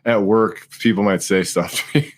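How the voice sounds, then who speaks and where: Steady in tone and moderate in pace, a fairly low male voice carries a casual podcast chat. The host is in his late thirties, laughs frequently, drops offhand swears, and speaks into a live stream podcast mic.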